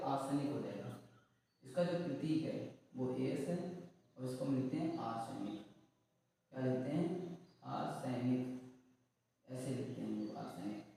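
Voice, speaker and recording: A male teacher talks slowly in a mellow voice, asking a question and then repeating the answer again and again. He sounds set back from the mic in a room with a lot of echo and a long ringing tail. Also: mid-range voice, slight background noise. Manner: slow, repeats each answer as a call-and-response question. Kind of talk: exam-prep lesson with memory tricks. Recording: echoey room from a distant mic.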